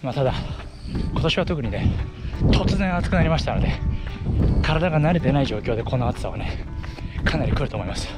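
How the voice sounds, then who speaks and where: A man's voice: medium pitch, big pitch swings, a little fast, long pauses, loud music behind the voice. A man explaining things to the camera in short phrases as he talks while running outdoors. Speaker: running vlogger and athletic trainer. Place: outdoors on a path by fields. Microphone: action camera at arm's length.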